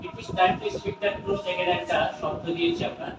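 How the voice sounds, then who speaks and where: A man's voice: sits high, flat delivery, highs cut off, music in the background. Male teacher in an echoey room. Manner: mixes Bengali explanations with slow, drawn-out English example sentences; often checks understanding with quick questions. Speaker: English teacher. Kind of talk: classroom grammar lesson. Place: classroom. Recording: echoey room from far off, noisy with passing traffic.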